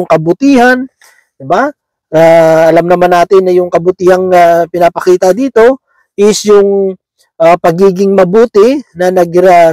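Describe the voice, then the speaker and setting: A man's voice: high-pitched, darkish tone, no room sound, rough recording. A man preaching a sermon in a conversational way, checking in with his listeners after nearly every phrase.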